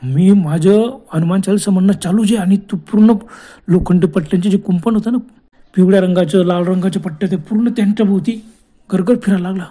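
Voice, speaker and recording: A man's voice: high-pitched, fairly quick, dark tone. A man telling his own ghost encounter in the first person, earnest and vivid, repeating words for effect. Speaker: storyteller.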